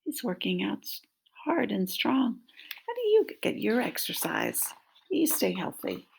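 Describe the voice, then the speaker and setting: In a small room at home, a woman in her fifties reads a picture book to young kids and asks them questions, picked up by a laptop mic at arm's length. Her slightly high voice swings widely in pitch at normal speed, creaky and a little mellow with a breathy edge, and the recording quality is low.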